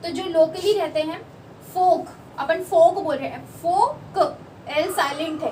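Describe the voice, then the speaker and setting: High-voiced woman teaching, echoey room. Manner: explains slowly, repeating words and checking with listeners. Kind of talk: classroom lesson. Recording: echoey room, voice from far off, faint background noise.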